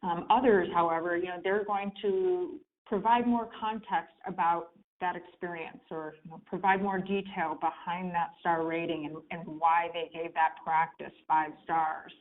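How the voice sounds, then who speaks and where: A woman speaking as a guest expert over a conference call line. She explains in an easygoing, conversational way and uses plenty of filler words. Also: lowish voice. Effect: heard over a conference call phone line. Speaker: guest expert on client reviews. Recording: tinny phone-line teleconference audio.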